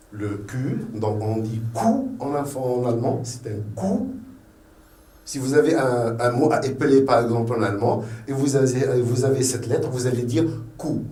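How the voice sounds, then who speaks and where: Slow, patient man teaching in an echoey room. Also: mid-range voice, dark tone, distant mic. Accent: Tunisian French. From Tunisia. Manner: patient, repeats each letter slowly. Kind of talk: beginner language lesson.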